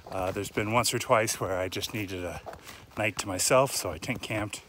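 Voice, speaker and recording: Background noise accompanies a thirtysomething vlogger whose voice sits on the low side as he walks a wooded mountain trail outdoors. Holding his phone at arm's length, he chats at a moderate pace in a casual, reflective way, dropping many "uh" fillers.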